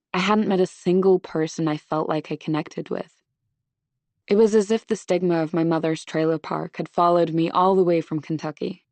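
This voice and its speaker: A woman reading a first-person audiobook in a measured storytelling manner on a close studio mic. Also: deep voice, darkish tone, no room sound. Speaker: audiobook narrator. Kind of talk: scripted first-person narration.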